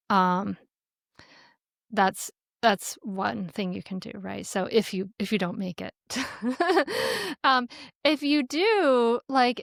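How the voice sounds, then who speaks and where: A middle-aged woman in an interview, giving parenting advice in an animated, storytelling way, often laughing and restarting her sentences. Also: medium pitch, no room sound, studio quality. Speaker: parenting guest.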